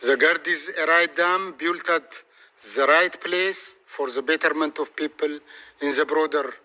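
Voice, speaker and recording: A man with a very bright, sharp voice delivers a prepared advocacy statement. His tone is firm and declarative, and he pitches it a little high. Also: a little slow.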